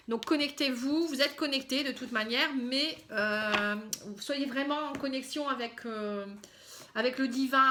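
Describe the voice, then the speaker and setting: A woman giving a casual tarot reading to camera, halting, with many fillers and a frequent "hein". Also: sits high, bright, forceful tone. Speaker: tarot card reader.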